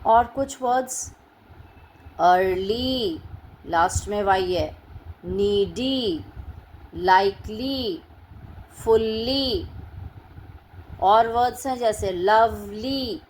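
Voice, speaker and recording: Very slow woman phonics teacher. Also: mid-range voice, darkish tone, slight background noise, poor audio. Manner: slow, deliberate, spells words letter by letter. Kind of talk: classroom-style phonics lesson.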